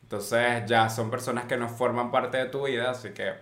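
A man's voice: medium pitch, normal speed. A young man chats loosely on an advice podcast, stringing thoughts together with filler phrases. His voice sits in an ordinary middle register. The room around him is echoey. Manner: relaxed, rambling, lots of filler phrases. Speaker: podcast co-host. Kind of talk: casual advice chat.

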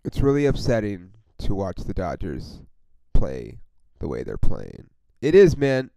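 A man's voice: sits low, huge pitch swings, measured pace, creaky, mellow, no room sound, poor audio. A man hosting a casual solo sports podcast, rambling and swearing with lots of fillers as a frustrated fan. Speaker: podcast host.

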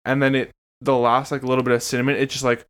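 A man's voice: mid-range voice, level tone, quick pace, fairly bright tone, smooth. A young Canadian man co-hosting a casual podcast, giggling and restarting his sentences. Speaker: podcast co-host. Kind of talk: casual chat.

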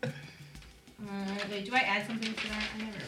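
A woman's voice: mid-range voice, a little fast, reverberant, far from the mic, over loud music. Giggly, swearing woman player off-mic. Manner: giggly, profane, excitable. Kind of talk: casual tabletop play.

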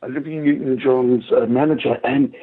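Husky Australian man, tinny phone line. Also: mid-range voice, normal speed, dry recording. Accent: broad Australian. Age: middle-aged. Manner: animated storytelling, acts out quoted remarks. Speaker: singer, interview guest. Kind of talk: casual anecdotal interview chat.

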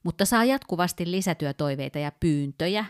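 This podcast co-host has a voice on the low side and an animated delivery. In a casual chat she goes through ideas step by step with examples from work, frequently using fillers and restarting her sentences.

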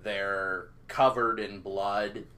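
A man narrating as game master of a tabletop role-playing game, describing scenes in a measured, drawn-out way. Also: fairly low pitch, level tone, bright, forceful tone.

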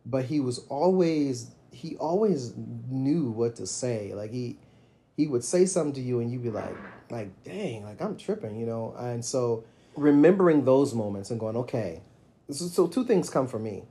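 A middle-aged man talks in a relaxed podcast conversation. His voice sits at an ordinary middle pitch. He sounds reflective and tells his stories at length, rising and getting animated whenever he quotes himself. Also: moderate pace. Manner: reflective, storytelling, animated when quoting himself. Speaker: podcast co-host. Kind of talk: casual conversation.

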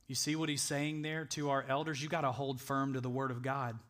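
A man's voice: medium pitch, flat delivery, fairly quick, fairly bright tone. Earnest male pastor preaching a sermon. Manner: earnest, conversational preaching that builds to emphatic peaks. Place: church sanctuary.

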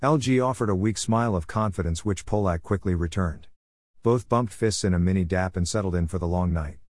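A man with a low voice reads a war story aloud as scripted narration. He tells it in a measured, steady way. The recording is dry and close, with no room sound. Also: no room sound.

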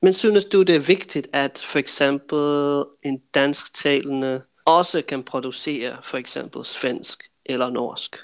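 A man from Denmark hosting a podcast, chatting casually with a guest and explaining things to the listeners in a relaxed way. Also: mid-range voice, few pauses. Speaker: podcast host. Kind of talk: casual interview chat.

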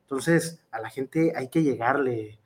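A man's voice: medium pitch, a little slow, slight background noise. A man with a Mexican accent, a professional wrestler answering interview questions in an earnest, rambling way full of fillers and restarts.

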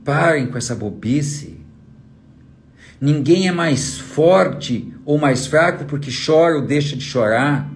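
A man's voice: on the high side, lively intonation, slow, creaky. A man giving an emphatic motivational talk as a trainer, full of rhetorical questions aimed at the listener. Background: faint guitar music.

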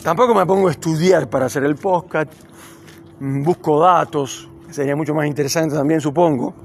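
A Cuban-born man hosts his podcast while strolling down a city street, talking off the cuff in a rambling, easygoing way. His voice sits a bit high and has a gravelly, fry-laden texture. Cars pass quietly in the background. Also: steady tone, a little fast, a little hiss or hum. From Cuba. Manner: rambling, loose and conversational. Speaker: podcast host. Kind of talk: improvised monologue while walking. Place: outdoors on a city street at dusk. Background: passing cars.

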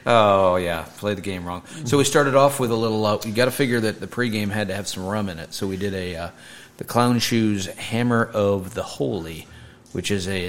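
A man's voice: fairly low pitch, a bit bright, slight background noise. A man co-hosting a casual podcast chat with friends, joking around and laughing often. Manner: jokey, laughs often, playful. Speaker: podcast co-host.

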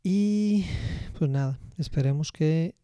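Host masculino mexicano, tono algo agudo y timbre suave, charla relajada con muletillas. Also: male voice, fairly high pitch, slow pace, clear, resonant tone, dry recording. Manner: relaxed, slangy, many fillers. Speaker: podcast host. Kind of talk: casual conversational interview.

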